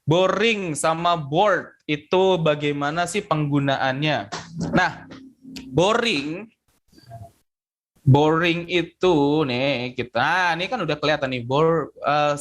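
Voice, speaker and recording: A young male teacher leads an online pronunciation class, pitched a little high for a man. He slips back and forth between Indonesian and English mid-sentence. He repeats each word and syllable over and over as he explains, patient and steady. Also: slow. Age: young adult. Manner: patient, repeats words and syllables many times while explaining.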